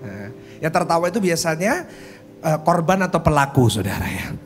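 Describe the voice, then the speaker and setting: A man's voice: a little high, normal speed. A male pastor preaching a humorous church sermon, telling jokey stories and acting out quotes. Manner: animated joking storytelling, acts out quotes. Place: church service. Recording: sermon with guitar music underneath. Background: guitar music.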